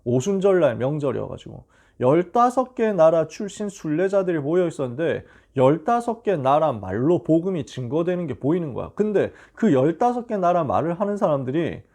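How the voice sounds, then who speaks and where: A man's voice: a little high, darkish tone. A man preaching a casual youth sermon, telling stories and acting out quoted voices. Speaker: youth pastor. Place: church.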